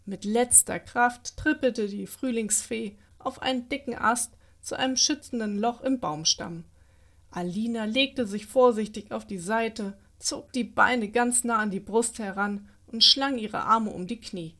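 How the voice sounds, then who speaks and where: A woman reading a children's bedtime story aloud in a gentle, even way. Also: on the high side, a little slow. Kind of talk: scripted bedtime story narration.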